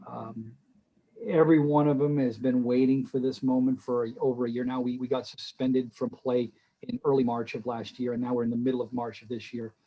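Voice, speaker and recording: Male golf coach on a shaky video call, halting delivery with restarts, dull lo-fi sound. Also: medium pitch, little pitch movement. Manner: halting, with many stammered restarts. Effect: on a video call with a poor connection. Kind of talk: speaking in a virtual season preview. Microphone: computer on a video call.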